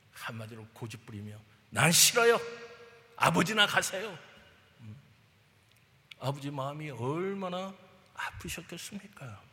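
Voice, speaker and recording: A male pastor preaching a sermon to his congregation, animated, swinging between loud emphasis and hushed asides. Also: a little high. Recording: long hall reverb.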